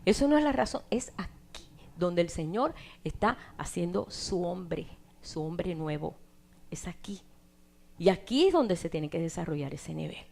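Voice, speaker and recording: A middle-aged woman preaching a sermon, swinging from loud emphatic lines to hushed, near-whispered asides. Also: fairly low pitch, expressive, measured pace, gravelly.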